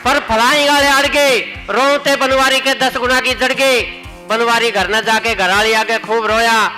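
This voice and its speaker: A man's voice: extremely high pitch, fairly even intonation, unhurried, pushed and bright, soft background music, rough recording. A man with a Haryanvi accent reciting comic poems on stage, playfully repeating his punchlines for the audience. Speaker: comic poet. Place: stage at a poetry gathering.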